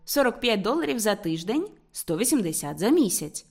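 A woman's voice: medium pitch, big pitch swings, moderate pace. A woman reading the lines of an earnest young working-class man in an audiobook, plain and matter-of-fact.

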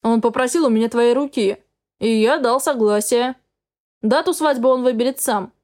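A hard, cold father lays down the law in a calm, firm tone that allows no argument, voiced by a woman reading an audiobook. The voice stays fairly high and mellow, close to the reader's own. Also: moderate pace, lightly acted. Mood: stern. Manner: hard, flat, unbending. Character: stern commanding middle-aged father.

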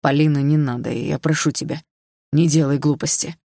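A woman's voice: low-pitched, steady tone, moderate pace, gravelly, no room sound, studio quality. A woman voicing a troubled protective young man. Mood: urgent. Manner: hushed, urgent.

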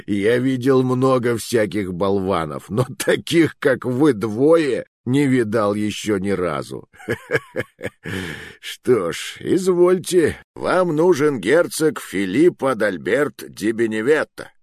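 A man's voice: mid-range voice, big pitch swings, slow pace, few pauses, a little mellow, dry recording, studio quality. A man voicing a mocking bearded officer captured by rogues, in an audiobook reading. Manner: sneering, scoffing. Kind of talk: audiobook narration.

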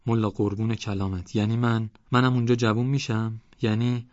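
A man's voice: fairly low pitch, level tone, a little mellow, dry recording, dull audio, pitched above the performer's own voice, natural voice. A man voicing an emotional, blunt old village man who weeps openly. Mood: plaintive.

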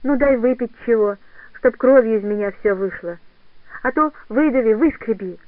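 A desperate young village woman begs and cries out in a heightened, higher voice, as a male narrator puts her on. The sound is tinny and phone-like, dry and close. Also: normal speed, no room sound. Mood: desperate pleading. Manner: pleading, sobbing outbursts.

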